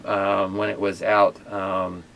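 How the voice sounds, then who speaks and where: A man hosting a casual food tasting video, talking in a halting way with many pauses and fillers. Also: sits low, completely flat delivery, creaky, a bit bright, a little hiss or hum. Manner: hesitant, many fillers and restarts. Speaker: ministry owner and host. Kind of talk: casual chat and taste test.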